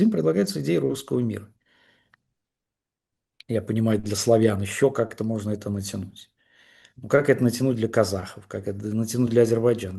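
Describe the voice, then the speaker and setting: A male guest in a political conversation argues his case haltingly, full of fillers and restarts. His voice is medium-pitched, gravelly and somewhat dark.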